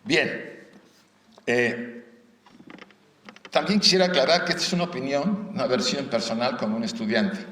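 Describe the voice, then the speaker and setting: A man's voice: mid-range voice, a bit bright, far from the mic. Mexican man lecturing in an echoey hall. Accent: Mexican Spanish. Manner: conversational, asks the audience questions, jokes. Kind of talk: conference talk.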